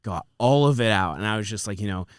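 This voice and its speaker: Fast-talking, rambling young man. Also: fairly low pitch, animated, smooth, no echo, clean studio sound. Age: 20s. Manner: rambling, full of "like" and swearing. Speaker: podcast host. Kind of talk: casual podcast chat.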